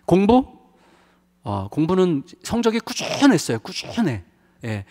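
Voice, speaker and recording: A man's voice: high-pitched, wildly swooping pitch, a little slow, darkish tone. A middle-aged man preaching a revival sermon, telling a personal story in a frank, emotional way with frequent hesitations. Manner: confessional, emotional storytelling with many fillers. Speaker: pastor. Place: church sanctuary. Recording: reverberant church hall.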